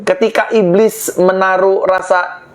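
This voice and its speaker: A man's voice: high-pitched, flat delivery, measured pace. A male pastor preaching a sermon with passion, calling out to his congregation again and again. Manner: impassioned, addresses the congregation repeatedly.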